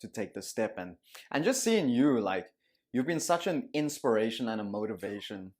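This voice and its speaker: A man's voice: lowish voice, sing-song, normal speed, darkish tone. Young man, podcast co-host, earnest and meandering. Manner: earnest, rambling with restarts. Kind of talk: casual chat.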